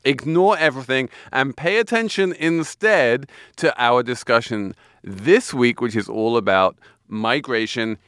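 A man's voice: medium pitch, unhurried, fairly bright tone, clean tone, dry recording, studio quality. A British man hosting a podcast in a conversational manner. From United Kingdom. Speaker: podcast host. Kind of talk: conversational show hosting and sponsor reads. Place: studio.

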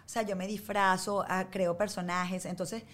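A woman's voice: medium pitch, level tone, moderate pace. A woman guest chatting casually on a podcast, talking animatedly and laughing often. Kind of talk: casual chat.

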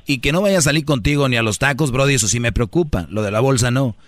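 A man's voice: medium pitch, fast, no room sound. A man from Monterrey hosting a radio call-in show, giving blunt, teasing advice. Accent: northern Mexican. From Monterrey, Mexico. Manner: blunt, teasing, repeats callers' nicknames. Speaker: radio show host taking calls. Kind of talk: casual call-in advice talk.

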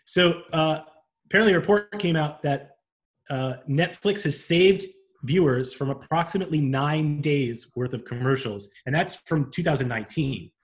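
A man's voice: a little high, moderate pace. A man co-hosting a casual comedy podcast, easygoing and agreeable, dropping dry quips. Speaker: podcast co-host.

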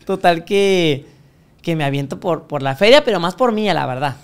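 A man's voice: a little high, animated, moderate pace, smooth. A young Mexican man with a Mexican accent, telling a crude, slang-filled story in casual chat. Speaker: podcast guest telling his story.

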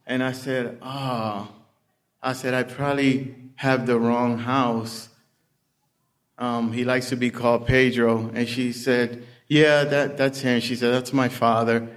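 A man tells his recovery story at an easy, unhurried pace. His voice sits at an ordinary middle pitch, and he talks loosely, with lots of "you know," as he acts out the lines of the people he met. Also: little pitch movement. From Puerto Rican heritage. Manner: conversational storytelling with frequent "you know" and acted-out quotes. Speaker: recovery speaker. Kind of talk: storytelling share at a recovery meeting.

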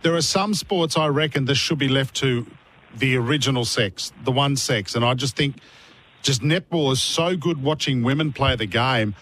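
A man's voice: medium pitch, normal speed, a bit bright, rough recording. An Australian man hosting sports radio, giving opinions in casual, slangy, insistent banter from a studio.

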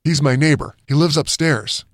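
A man's voice: fairly high pitch, normal speed, dry recording, studio quality, voice pushed up, lightly acted. A man voicing a stressed, desperate young man who speaks in a tense, strained way.

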